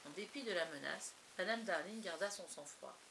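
A woman narrating a story in a wry, gently ironic reading style, over a faint hiss. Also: on the low side, lively intonation, brisk, gravelly. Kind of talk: audiobook reading.

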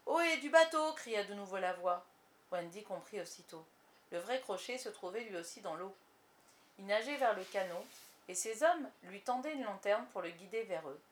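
A woman narrating a storybook in a measured, even reading voice. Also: mid-range voice.

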